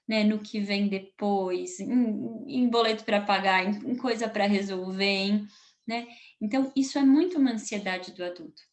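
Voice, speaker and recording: Talking casually to camera, a family consultant with a Brazilian Portuguese accent explains baby routines in a slightly high voice. She often closes with a tag question and restarts sentences as she thinks aloud.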